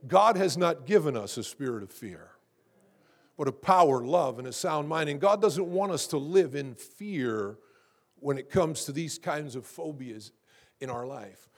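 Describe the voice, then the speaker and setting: A pastor with an animated voice and measured pace preaches to his congregation. He repeatedly asks how many of them know, repeating words as he builds momentum. His pitch and volume climb as he preaches with force.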